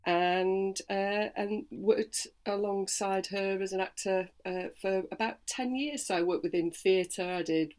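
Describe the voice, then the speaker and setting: A woman in her forties from Sheffield with a Yorkshire accent, a voice and accent coach chatting freely in an interview. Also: mid-range voice. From Sheffield, England. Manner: chatty and animated, quick bursts of storytelling. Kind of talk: relaxed interview chat.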